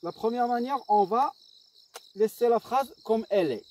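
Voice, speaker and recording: Un homme enseignant donne une leçon de grammaire avec un marocain, lentement, en répétant et en marquant des hésitations. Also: male voice, very high voice, dark tone. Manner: slow, deliberate, dictating and repeating, with fillers. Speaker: primary school teacher. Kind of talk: grammar lesson. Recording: distant mic with faint insect noise.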